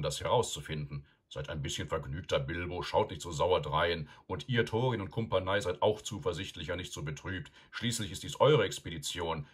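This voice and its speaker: A man voicing an old male wizard who lectures loudly and sternly, with a deep, husky voice. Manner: loud, admonishing, emphatic.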